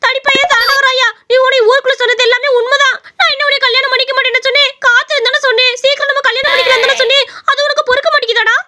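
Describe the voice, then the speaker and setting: A woman doing a furious young village woman, very high, piercing, fast, cartoon scolding. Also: steady tone. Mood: indignant. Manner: sharp, scolding, shrill. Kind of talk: cartoon voice acting.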